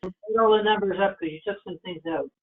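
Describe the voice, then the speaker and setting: A meeting participant dialed in on a tinny phone line that keeps breaking up, so the voice cuts in and out. The speaker asks short, clipped questions in an even, mid-pitched voice. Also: fast. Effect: voice cutting in and out over the phone. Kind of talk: public meeting discussion.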